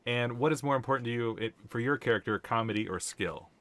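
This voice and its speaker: A man hosting an interview, asking questions in a soft, hesitant way. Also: mid-range voice, quick pace, no room sound. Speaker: interview host.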